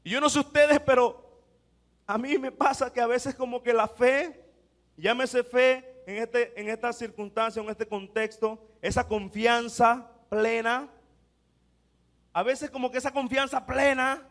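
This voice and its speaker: A man preaching a sermon as pastor, acting out the disciples' panic, asking the congregation rhetorical questions and swinging between loud and hushed. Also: very high-pitched.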